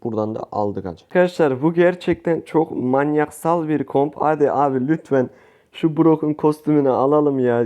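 Excitable young man, mellow voice. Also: a little high. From Turkey. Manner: excitable, pleading and swearing at teammates, slangy. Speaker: gaming youtuber. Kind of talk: live gameplay commentary.

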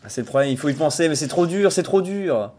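A man's voice: fairly high pitch, lively intonation, fast talker, darkish tone. A man hosting a casual livestream chat, playful and jokey, swearing freely and breaking into theatrical mock laments. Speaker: streamer host.

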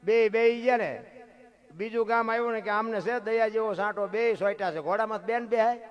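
A man giving a lively, preachy folk storytelling talk at a dayro. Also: high voice, a little fast, highs cut off. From Surendranagar, Gujarat. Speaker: folk literature speaker.

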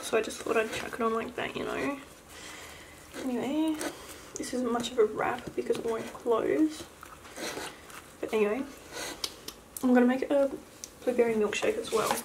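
A woman's voice: on the high side, normal speed, long pauses, noisy background. An eighteen-year-old woman vlogging casually at home, rambling with lots of likes and ums, sometimes dropping to a whisper. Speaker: beauty vlogger. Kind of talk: casual vlog chat to camera. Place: at home, indoors. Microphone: camera mic on a tripod.

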